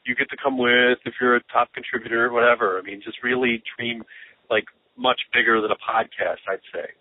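An American podcast host talks with a friend over muffled, lo-fi phone-call audio, launching into rambling, sardonic rants. His medium-pitched voice is husky, fairly quick, and flat in delivery, and he sounds a bit congested and short of breath.

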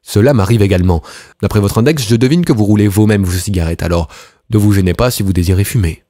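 A man's voice: lowish voice, fast, dark tone, no echo, clean studio sound, lightly acted. A man reading an audiobook and voicing a brilliant male detective who lays out his deductions in a confident, precise manner. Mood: courteous. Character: brilliant, self-assured male detective, dry and incisive.

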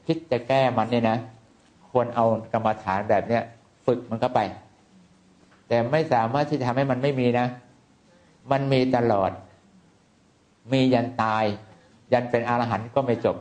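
A Buddhist monk giving an informal dharma teaching in lively, repetitive speech, now and then mimicking the people he describes. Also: mid-range voice, normal speed, pauses often.

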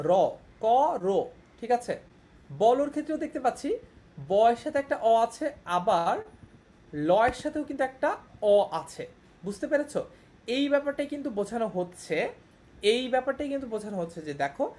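A young woman gives an online lesson in a slightly high voice. She teaches patiently, repeating each point and often checking that her students understand. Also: a little mellow. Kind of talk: online class lecture.

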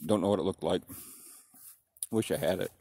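A man in his fifties from the United States, slowly reminiscing in a rambling way that keeps circling back with "anyway", talking with a pipe in his mouth. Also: sits low, darkish tone, slightly rough. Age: 50s. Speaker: pipe-smoking vlogger. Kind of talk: casual reminiscing monologue.

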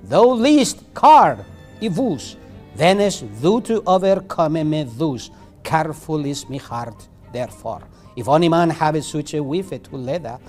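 Woeful henpecked medieval husband, read aloud by a man, slow lamenting recital, raised loud voice, faint music behind. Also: high-pitched, voice pushed up, exaggerated voice.

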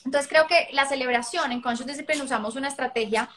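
A woman, a parenting educator talking on a live stream, lively and acting out little quotes. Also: sits high, fast talker, a little hiss or hum. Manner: lively, acts out child and parent voices.

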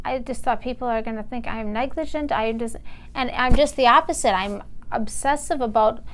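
A woman in her forties, a cat owner interviewed for a news story, talking in an emotional, halting way with many restarts. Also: a little high, a bit bright. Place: living room and animal hospital.

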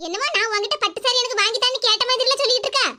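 A woman voicing an impatient young college girl in an animated cartoon, speaking with a Kanyakumari Tamil accent in a snappy, irritated manner. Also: very high-pitched, racing, a little hiss or hum, heavily acted.

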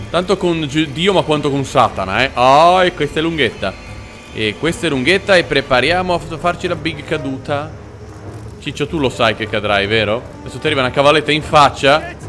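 A man's voice: fairly high pitch, moderate pace, fairly bright tone, faint music behind. A man with an Italian accent giving horror let's play commentary, swearing, yelping at scares and talking to his character. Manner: swearing, panicky yelps at jumpscares, talks to the character. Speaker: gaming YouTuber.

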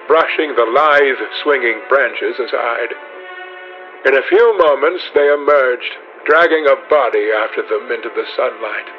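Man narrating a classic novel, lo-fi. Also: mid-range voice. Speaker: audiobook narrator.

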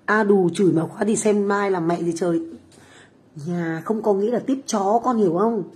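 At a moderate pace, a middle-aged woman speaks in a mid-range, somewhat dark voice. Originally from Vietnam, she owns a food stall and livestreams from a home kitchen abroad, casually teasing viewers in a loud, profane, taunting style.

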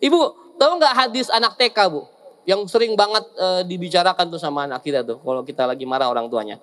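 High-voiced joking male preacher. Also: moderate pace, fairly bright tone. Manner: joking, teasing the audience with asides and acted quotes. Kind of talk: lively sermon to a seated audience.

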